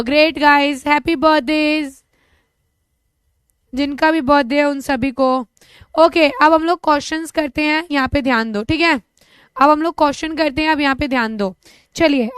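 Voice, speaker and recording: A woman's voice: high voice, no room sound. A young woman teacher with an Indian accent giving a live online class, chatty and joking, mixing two languages as she explains. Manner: chatty, jokey, switches between two languages.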